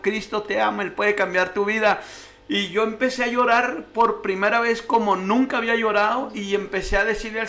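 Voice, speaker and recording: A man with a high, bright voice tells his own life story as a radio guest. He acts out the guards and officials in his story as he goes. The sound is close and clear, as from a studio mic. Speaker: guest sharing testimony. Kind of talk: emotional personal testimony.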